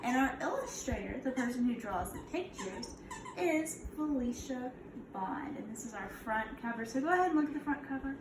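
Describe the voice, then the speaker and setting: A kindergarten teacher reads a picture book aloud to young children, teaching as she goes and asking them questions. Her high voice swings widely in pitch at a normal speed. The room is echoey, with clear background noise.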